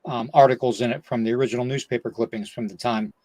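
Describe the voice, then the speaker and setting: A man's voice: mid-range voice, steady tone, fast talker, mellow, dry recording. Older man, rambling and slightly breathless. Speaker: podcast host. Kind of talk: casual chat.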